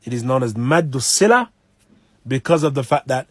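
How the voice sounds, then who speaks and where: A man teaching the rules of Quranic recitation, explaining patiently and slowly reciting short Arabic phrases as examples. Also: mid-range voice, expressive, no echo.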